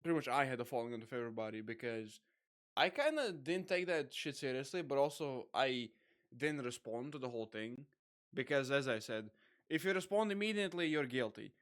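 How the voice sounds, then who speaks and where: A young man hosting a casual online chat, rambling with lots of fillers and quick laughs. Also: mid-range voice, very animated, a bit bright. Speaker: podcast host.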